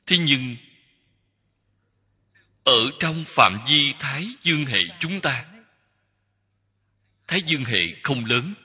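Husky, bright-voiced man preaching in a hall. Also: mid-range voice, lively intonation. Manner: slow, measured phrasing in short repeated clauses. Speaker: Buddhist teacher. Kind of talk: Buddhist dharma talk. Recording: long hall reverb.

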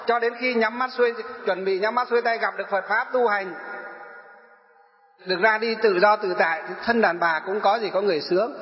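A Buddhist monk gives a dharma talk to elderly followers, asking them questions and answering them himself. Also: male voice, high-pitched, brisk. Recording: echoey hall, dull sound.

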